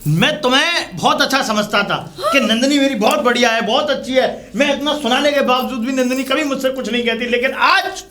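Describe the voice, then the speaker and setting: A man playing an indignant, scolding husband who defends himself, in a low-budget Hindi short drama. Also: brisk, few pauses, pushed and bright. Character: angry neglectful husband, adult man. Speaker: elder brother and husband.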